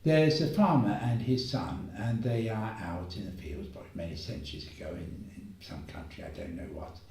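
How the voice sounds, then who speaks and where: Gentle man preaching in an echoey room. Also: fairly low pitch, expressive, creaky, slight background noise. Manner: gentle, unhurried storytelling with pauses. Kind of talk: reflective spoken homily. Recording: echoey room, voice far from mic.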